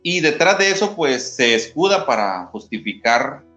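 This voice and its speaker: A Colombian man, an interview guest and former church member, speaks at a medium pitch with a very animated, sharp tone and a moderate pace. He explains Bible passages like a teacher, reading scripture aloud and often checking in with "¿sí?". The audio is dull and lo-fi, with faint guitar music behind him.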